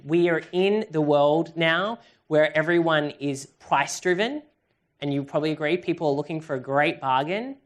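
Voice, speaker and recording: A woman presenting at a live seminar and answering audience questions in an upbeat, chatty way. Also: low voice. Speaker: workshop presenter. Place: event hall with audience.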